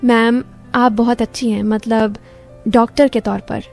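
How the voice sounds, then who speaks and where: Woman reading a shy young male patient, hesitant and bashful, mellow tone. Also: a little high, level tone, a little slow, vocal fry, faint music behind.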